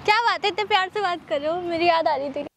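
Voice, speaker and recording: A woman's voice: extremely high pitch, fast, fairly bright tone, a little hiss or hum. A young woman hosting a prank vlog, talking casually and teasing her boyfriend in a playful, coaxing way. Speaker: prank vlogger.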